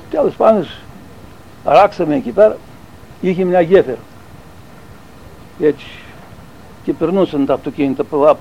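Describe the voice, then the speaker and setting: Older man, fairly high voice, rambling oral-history teller, dull lo-fi tape. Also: gravelly, a little mellow, slight background noise. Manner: rambling, halting, with restarts and fillers. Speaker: interviewee recalling army service.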